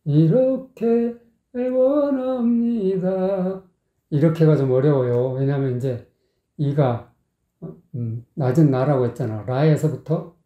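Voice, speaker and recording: Singing teacher doing a vocal lesson, sings lines slow then explains quick, tinny roomy sound. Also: medium pitch, mellow. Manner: sings short phrases slowly, then explains in quick, plain speech; often checks with the learner by asking "you get it?". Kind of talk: vocal lesson with sung demonstrations. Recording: echoey, tinny phone-like sound.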